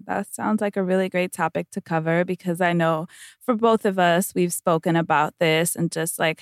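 A woman's voice: on the low side, clean tone, no echo. A woman co-hosting a podcast in casual chat, recording inside a clothes closet at home, laid-back and saying "like" often. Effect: dry, muffled sound from recording inside a clothes closet. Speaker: podcast co-host.

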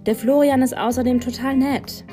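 A woman's voice: high-pitched, fairly even intonation, moderate pace, soft background music, voice pushed up, lightly acted. Woman playing a dismissive teenage sister. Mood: irritated. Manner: dismissive, quiet. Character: annoyed teenage older sister.

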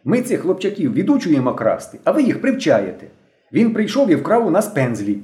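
A man voicing a stern but cheerful seventeen-year-old girl who leads young pioneers, in a brisk, commanding way. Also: fairly high pitch, huge pitch swings, warm tone, voice pushed up. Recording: roomy echo.

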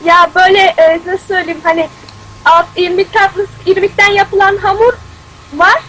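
A woman's voice: extremely high pitch, flat delivery, moderate pace, fairly bright tone, slight background noise, rough recording. A woman taking part in a casual radio chat, hesitating as she searches for words.

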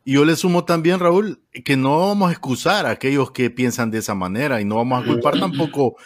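A man's voice: mid-range voice, no room sound. Rambling Honduran man, dry studio sound. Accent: Honduran Spanish. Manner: rambling, halting, with frequent "eh" and restarts. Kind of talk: casual panel discussion.

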